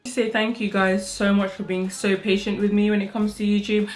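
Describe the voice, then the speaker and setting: At home, a young makeup vlogger records a casual get-ready-with-me tutorial on her own microphone, talking quickly and chattily with plenty of fillers. Her medium-pitched voice is flat and still sounds sleepy, and faint music plays in the background.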